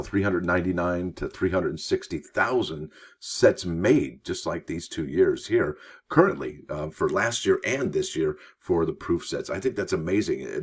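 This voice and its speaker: A man's voice: sits low, husky. A man hosting a coin news show, reading articles aloud with chatty, enthusiastic asides to his viewers. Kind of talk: casual news commentary.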